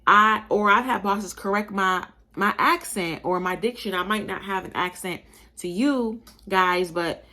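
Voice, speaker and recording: At a measured pace and medium pitch, a young adult woman from Buffalo, New York, hosts a podcast monologue full of casual opinions. A hint of Southern colors her accent, and she is emphatic, lively and chatty, calling people y'all.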